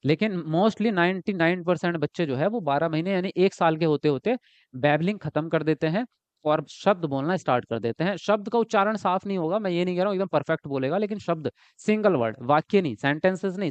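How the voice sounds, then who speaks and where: A man teaching an exam-prep class online, lively and repetitive, often checking whether his students follow. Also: on the high side, a little fast, dry recording. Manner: lively, repeats words and asks students if they follow.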